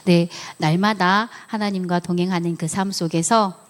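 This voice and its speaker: A woman's voice: on the low side, fairly even intonation, moderate pace. A middle-aged woman giving a sermon testimony in church, telling her story earnestly and acting out her own prayers and conversations. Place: church sanctuary.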